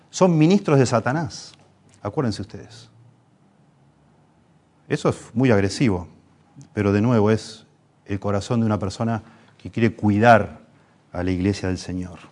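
A man with a Rioplatense Spanish accent preaching a sermon, impassioned, pushing his voice up for emphasis and restarting phrases as he goes. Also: on the low side.

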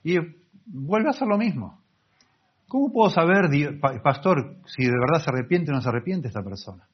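A man voicing a weary wife who pleads with her pastor about a drunken husband, in a raised, husky voice on a slightly muffled recording. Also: deep voice, very animated, moderate pace, pitched above the performer's own voice, heavily acted. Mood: pleading, exasperated. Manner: pleading, exasperated.

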